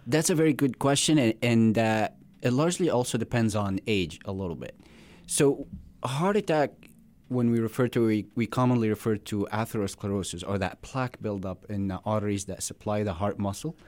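Brief: Syrian-born cardiologist, thirties, low-ish voice, measured and hesitant. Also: male voice, darkish tone. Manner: measured, explanatory, frequent hesitations. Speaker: cardiologist guest. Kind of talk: medical interview.

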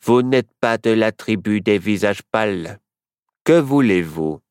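A stern, wary storybook chief speaks coldly and defensively, read by the narrator. His pitch still moves a lot, and the sound is dry and close. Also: animated, measured pace, a little mellow, smooth, no room sound. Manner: cold, defensive.

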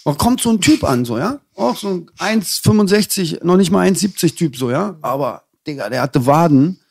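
Man, slangy street talk, animated storytelling, slightly high voice. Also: moderate pace, vocal fry, husky. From Berlin. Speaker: guest. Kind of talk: casual storytelling chat.

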